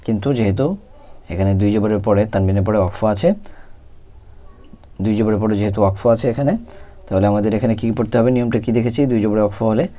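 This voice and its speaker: A man teaching Quran reading in a step-by-step lesson, spelling out letters and vowel marks slowly before reading them together. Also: fairly low pitch, fairly even intonation, dark tone.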